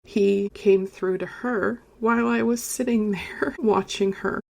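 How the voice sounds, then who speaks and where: A woman's voice: mid-range voice, steady tone, unhurried, creaky, a little mellow. A middle-aged woman hosting a podcast, telling a personal story in a conversational way, emotional and near tears at times. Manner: emotional, tearful at moments, conversational with many "you know"s. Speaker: podcast host and spiritual medium.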